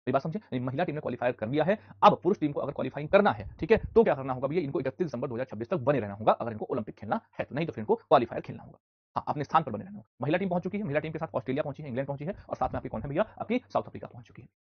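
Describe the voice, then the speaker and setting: Fast-talking male teacher, husky voice. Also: medium pitch, lively intonation, no echo, highs cut off. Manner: fast, repetitive drilling with rhetorical questions; scolds students loudly at times. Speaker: online exam-prep teacher. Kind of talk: live online class.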